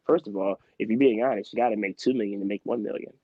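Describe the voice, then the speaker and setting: A young man in his twenties from Philadelphia, a guest in a casual interview, telling stories in an animated, emphatic way. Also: lowish voice, fast, dry recording. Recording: slightly dull, muffled sound.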